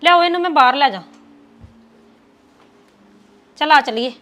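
A woman's voice: sits high, rapid-fire, a bit bright. A woman playing a fussing, caring young sister-in-law in a Punjabi village web drama, homely and conversational, with a Punjabi accent. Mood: practical.

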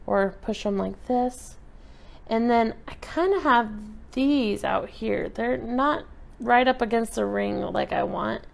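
A woman giving a relaxed, chatty step-by-step craft tutorial while she works with her hands at a table indoors. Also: fairly high pitch, creaky. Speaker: craft instructor.

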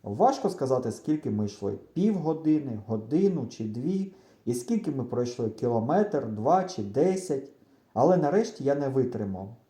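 A man reading a children's adventure book aloud as expressive audiobook narration. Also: medium pitch, moderate pace, reverberant. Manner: storytelling, animated. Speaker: audiobook reader.

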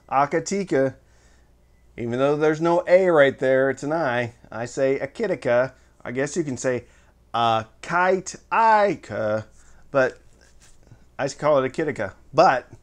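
A man hosting his own channel, casually reviewing audio equipment with joking asides and step-by-step explanations. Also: medium pitch. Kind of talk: casual product review to camera.

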